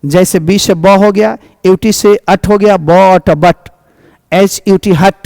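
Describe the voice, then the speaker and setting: A man with a high voice teaches English pronunciation in an Indian English accent, mixing Hindi and English. He spells out example words slowly and draws each one out. His voice sits close to the mic with a dry sound. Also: fairly even intonation, gravelly, darkish tone, no echo. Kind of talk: classroom lesson on pronunciation.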